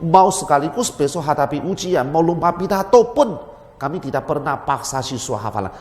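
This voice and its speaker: Guy teacher talking in an interview, lively, repeats stuff for emphasis, echoey room. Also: fairly high pitch, fairly quick. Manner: animated, repeats words for emphasis. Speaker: Mandarin teacher and school head. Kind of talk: explaining in an interview. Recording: roomy with long reverb.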